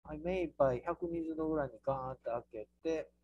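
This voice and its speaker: A man with a Kansai accent teaching an architecture class through a software task, playful, with sound words and mock squeals. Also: a little high, fast, no echo, lo-fi sound. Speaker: architecture instructor.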